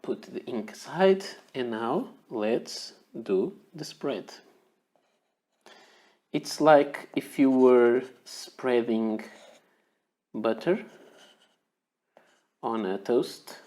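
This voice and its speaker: Slow, hesitant man with a Portuguese accent. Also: mid-range voice, a little mellow. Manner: unhurried, hesitant, repeats words while working. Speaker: fountain pen ink reviewer. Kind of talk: casual demonstration.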